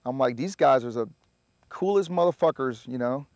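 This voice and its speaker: Relaxed man, dry sound. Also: mid-range voice, no room sound. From Puerto Rico. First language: Spanish. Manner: relaxed, halting, lots of filler sounds. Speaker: army veteran guest. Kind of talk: casual interview storytelling.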